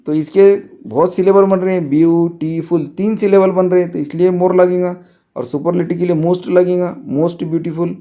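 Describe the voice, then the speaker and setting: A man with a high-pitched, warm voice teaches a grammar lesson. He patiently restates the rules and dictates example sentences slowly, word by word.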